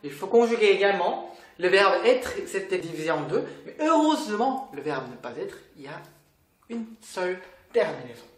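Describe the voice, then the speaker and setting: A man's voice: high-pitched, sing-song, normal speed. A man from Korea with a Korean accent, a native Korean speaker, teaching a casual lesson in a chatty, playful way with little laughs. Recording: roomy with faint noise.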